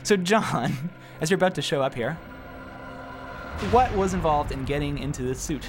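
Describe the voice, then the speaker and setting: A man's voice: a little high, expressive, moderate pace, music in the background. A man giving casual, joking commentary as a film's director, with self-deprecating humour.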